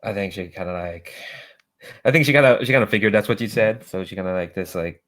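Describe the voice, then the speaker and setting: Low-voiced man running a tabletop game. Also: quick pace, slight background noise. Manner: hesitant, informal. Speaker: game master. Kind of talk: improvised tabletop game narration.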